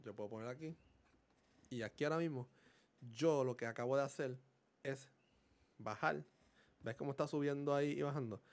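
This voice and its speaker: Puerto rican guy at home walking thru mic settings on a desk mic, mid pitch, keeps going "verdad?" and throwing in english words. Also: normal speed, long pauses. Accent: Puerto Rican Spanish. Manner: explanatory, mixes in English words, keeps checking understanding. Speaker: gaming YouTuber reviewing a microphone. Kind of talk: casual tech demonstration. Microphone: desk condenser microphone.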